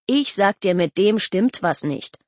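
A woman's voice: medium pitch, animated, measured pace, a little mellow, no room sound. A woman voicing a suspicious, mocking teenage boy who talks in scornful slang. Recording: dull lo-fi audio.

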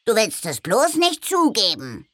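A woman's voice: medium pitch, wildly swooping pitch, a little slow, fairly bright tone, no echo, pitched above the performer's own voice, full character voice. A woman doing a bossy cat-bear creature. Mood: cocky. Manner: bossy, cocky. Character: cheeky boastful male cat-bear creature. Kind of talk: storybook reading.

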